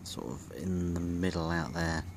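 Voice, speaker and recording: A middle-aged man filming his own fishing trip, chatting casually and thinking aloud with pauses from behind a handheld camera by a lake. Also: deep voice, steady tone, background noise. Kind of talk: casual self-filmed commentary. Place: outdoors by a lake. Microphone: handheld camera from behind the lens. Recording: outdoor ambience with nature sounds.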